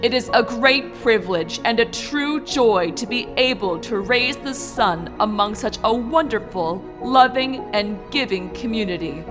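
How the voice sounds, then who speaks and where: A woman playing a gracious, serene royal pony princess with a formal, measured manner in a fan fiction audio drama. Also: a little high, lively intonation. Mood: solemn, gracious. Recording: music behind the voice. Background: music.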